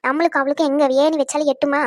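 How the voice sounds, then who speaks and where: Argumentative cartoon mother, woman VO, quick high delivery. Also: little pitch movement, no echo, studio quality, close to an everyday voice. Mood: arguing. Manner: complaining, argumentative. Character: anxious scheming middle-aged mother. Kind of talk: cartoon dubbing.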